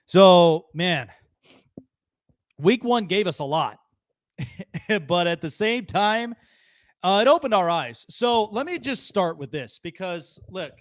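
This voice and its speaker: A man's voice: high voice, lively intonation, slow pace, pauses often, no room sound, clean studio sound. A man hosting a live sports talk show, speaking in an emphatic announcer-like manner.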